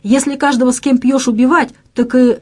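A woman's voice: high-pitched, fairly even intonation, fairly quick, pitched above the performer's own voice. A woman reading an audiobook and voicing a flippant young female office worker.

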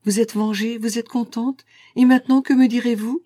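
A woman's voice: a little high, fairly even intonation, moderate pace, dark tone, no room sound, clean studio sound, natural voice. A woman voicing a passionate young lover. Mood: impassioned.

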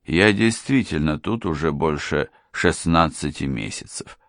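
A scheming impostor preacher who talks down to everyone with cold insolence, voiced by a male reader. The voice is deep, slow and gravelly, recorded close and dry. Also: expressive, dry recording, exaggerated voice.

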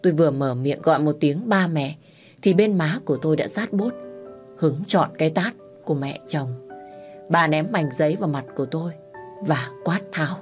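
Low-voiced woman narrating a story. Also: moderate pace, a little mellow, faint music behind. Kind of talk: first-person audio story narration.

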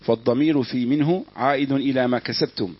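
A man reading a classical religious commentary aloud in measured, formal recitation. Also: slightly rough. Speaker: student reading the text aloud. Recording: dull dry low-fi recording.

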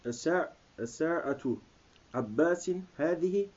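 Guy student reading n translating slowly word by word, husky mellow voice, dull old worn tape sound. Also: a little high, animated. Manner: halting, word-by-word delivery. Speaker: language student. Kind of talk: reading aloud and translating in a lesson. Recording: muffled old cassette tape.

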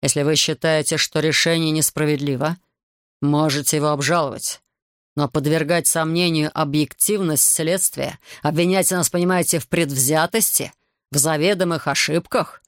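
A man's voice: a little high, steady tone, moderate pace, fairly bright tone, no room sound, studio quality. A man reading the lines of an indignant male investigator who argues defensively and later turns weary and sympathetic. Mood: offended, defensive. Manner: offended, argumentative, later weary.

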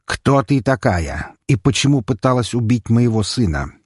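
A man reading an audiobook, voicing a stern aristocratic count who speaks slowly and with threat. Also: low voice, animated, dark tone, slightly rough, no room sound, clean studio sound. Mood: menacing. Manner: slow, threatening, grave. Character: stern, menacing aristocratic count, older father. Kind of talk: audiobook character voice.

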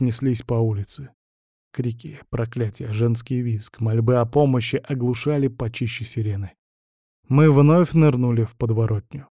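A man narrating a first-person audiobook in a gruff, blunt, dramatic reading. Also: medium pitch, dark tone, no room sound, clean studio sound.

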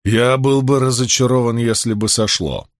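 A man voicing a calm, self-assured stranger warrior with a dry, curt manner. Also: mid-range voice, moderate pace, no room sound, pitched above the performer's own voice, close to an everyday voice. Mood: defiant.

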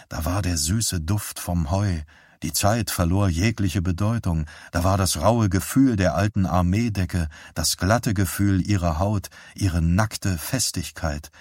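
A male audiobook narrator reads in a calm, measured way. His voice is very deep, with a husky edge. The recording is dry and close, with no room echo. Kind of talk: scripted narration.

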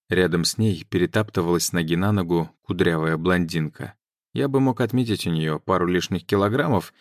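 A man narrating an audiobook in an even, measured reading. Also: sits low, no echo, studio quality. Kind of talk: scripted narration.

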